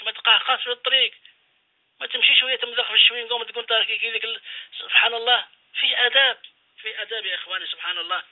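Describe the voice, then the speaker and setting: Man, imam, radio sermon, exhorting, rhetorical questions, tinny phone line. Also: high voice.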